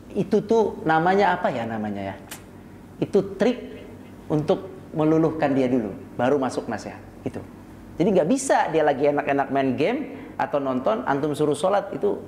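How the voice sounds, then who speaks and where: Animated man preaching in an echoey prayer room. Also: slight background noise. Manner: animated, acts out scenes with sudden high-pitched shouts; uses frequent rhetorical tag questions. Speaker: Islamic preacher. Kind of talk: casual religious lecture. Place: prayer room in an office tower.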